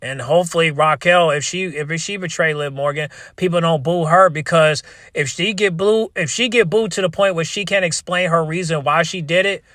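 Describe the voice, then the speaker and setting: Exasperated man ranting in a bright, forceful voice. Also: fairly high pitch, no room sound, studio quality. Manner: exasperated, repetitive, halting restarts; swears freely. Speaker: wrestling commentary video creator. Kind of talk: casual opinionated rant to viewers.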